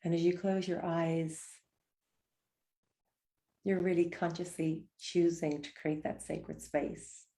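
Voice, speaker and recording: A woman with a low, slightly gravelly voice guides listeners through a breathing meditation. She speaks softly and unhurriedly, her tone warm and mellow as she offers gentle invitations. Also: flat delivery. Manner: soft, slow and soothing, gentle invitations.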